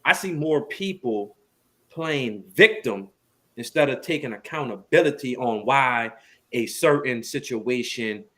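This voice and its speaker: A man co-hosting a casual podcast discussion, talking in an animated way and pushing his points with rising emphatic questions. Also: medium pitch. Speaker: podcast co-host.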